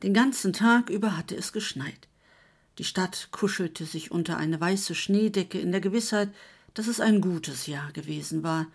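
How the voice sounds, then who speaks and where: Woman narrating a story calmly. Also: lowish voice, husky. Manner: measured storytelling. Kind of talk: scripted narration.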